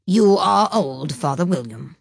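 A woman voicing a languid, stern and contemptuous caterpillar in a slow, sleepy drawl. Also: on the low side, animated, creaky, breathy edge, dry recording, studio quality, full character voice. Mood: curt, stern.

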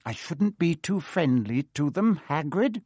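A man's voice: on the high side, measured pace, darkish tone, husky, dry recording, studio quality, voice pushed up. A man voicing a spiteful old caretaker who sneers with nasty glee. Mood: cold.

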